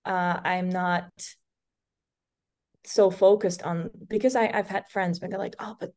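On a casual podcast, a guest from the Netherlands, a woman in her 20s who speaks Dutch natively with a light accent, tells stories chattily with many fillers and restarts. She talks a little slowly in a darkish, low voice with fairly even intonation.

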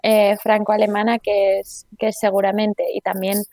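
Woman with a gravelly voice. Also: mid-range voice, level tone, moderate pace, mellow, dry recording. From Spain. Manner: explains at length with frequent restarts and tag questions. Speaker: interview guest, economist and author. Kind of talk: conversational interview.

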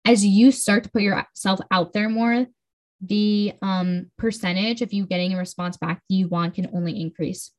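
A woman's voice: medium pitch, fairly even intonation, normal speed, rough recording. A teenage girl hosting her own podcast, talking in an upbeat, enthusiastic, chatty way with frequent fillers. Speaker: podcast host. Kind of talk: casual solo podcast talk.

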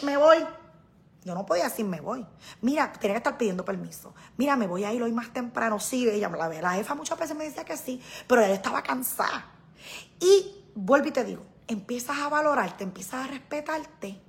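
A woman's voice: on the high side, creaky, a bit bright. A middle-aged woman, talking casually and emphatically to her viewers, often repeating herself. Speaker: vlogger. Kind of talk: casual live-stream talk to viewers.

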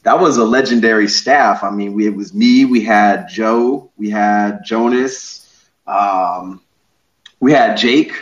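Energetic man from Ohio, roomy sound. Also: lowish voice, slow. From Columbus, Ohio, USA. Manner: energetic, rambling, self-interrupting. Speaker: former coach, guest. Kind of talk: casual interview. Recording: roomy, slightly dull audio.

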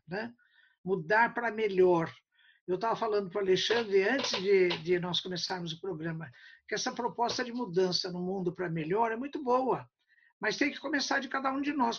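An older woman talks as an interview guest, telling anecdotes in a relaxed, chatty way. Her voice is gravelly and husky. The recording sounds dull and lo-fi. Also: medium pitch. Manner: storytelling, tag questions, acts out quoted dialogue. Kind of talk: casual interview talk.

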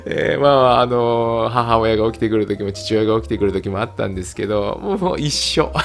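With a brisk pace and noticeable vocal fry, a man chats through his casual solo podcast. He's an English teacher and podcast host whose lively-pitched talk is packed with fillers and laughter.

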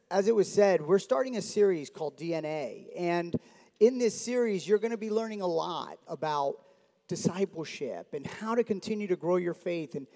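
Earnest man, echoing church hall. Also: fairly high pitch. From South Florida. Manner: earnest, warm, with light humor. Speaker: church member giving testimony. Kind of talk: testimony talk in church. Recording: long reverb of a church hall.

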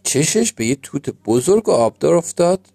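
A man reading a children's story aloud as storyteller, gentle and measured. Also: fairly high pitch, very animated, gravelly, dry recording.

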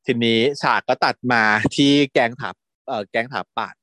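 A man's voice: medium pitch, normal speed, sharp tone, dry recording, studio quality. A man co-hosting a podcast, casually and animatedly retelling a series and acting out the characters' lines. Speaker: podcast co-host recapping a series. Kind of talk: casual chat.

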